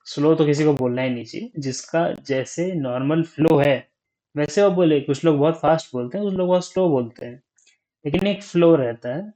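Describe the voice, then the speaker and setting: A young man giving a casual talk on speaking, unhurried, thinking aloud and often checking in with the listener. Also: fairly high pitch, mellow, low-quality recording. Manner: frequent "ठीक है?" check-ins.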